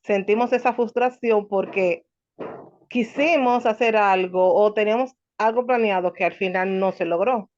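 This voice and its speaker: A woman in her thirties joining an online session, sharing a personal example slowly and thoughtfully, with some hesitations. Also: medium pitch, darkish tone. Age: 30s. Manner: slow, thoughtful, hesitant with fillers. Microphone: video call. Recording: muffled video call audio.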